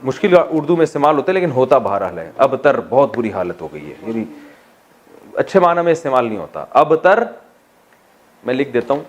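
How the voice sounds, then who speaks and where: A man from Pakistan teaches a Quran exegesis class in a steady, mid-range voice. He puts questions to the students and answers them himself. He keeps the lecture lively with jokes. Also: medium pitch, dull audio.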